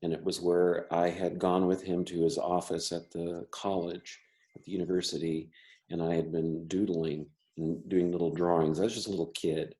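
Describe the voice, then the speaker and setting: A man's voice: low voice, level tone, normal speed, dark tone. A man who stutters, an artist and teacher talking casually in an interview, with many restarts and repeated words. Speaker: member artist.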